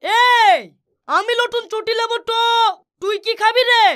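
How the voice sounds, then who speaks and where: A woman's voice: very high voice, fairly even intonation, a little slow, pushed and bright, heavily acted. A woman voicing a stingy, whiny village man in a comic cartoon, crying and self-pitying. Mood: scolding.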